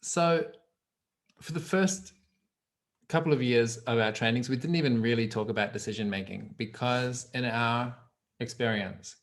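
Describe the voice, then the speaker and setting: A man's voice: mid-range voice, moderate pace. A man with a New Zealand accent, a trainer explaining ideas on a video call, often restarting phrases as he thinks. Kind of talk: casual explanation on a group call.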